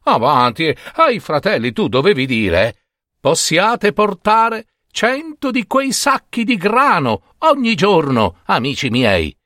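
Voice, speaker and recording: A man's voice: high-pitched, big pitch swings, slow pace, sharp tone, no room sound, studio quality, pitched above the performer's own voice, exaggerated voice. A man voicing an exasperated, doting peasant mother who chides her foolish son. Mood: scolding. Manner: chiding, exclaiming.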